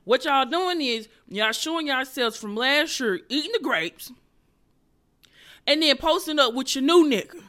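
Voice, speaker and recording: A woman comedian hosting her podcast alone, ranting in loud, profane, animated bursts that sometimes drop to a whisper. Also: sits high, unhurried. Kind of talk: solo comedic rant.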